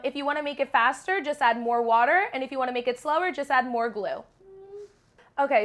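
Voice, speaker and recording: A bright, high-pitched young woman walks through a simple kids' craft at home. Her tone is bubbly and chatty, with easy fillers, as if talking with a small child beside her. She sounds like a friendly home-video host. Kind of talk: instructional craft demo for kids.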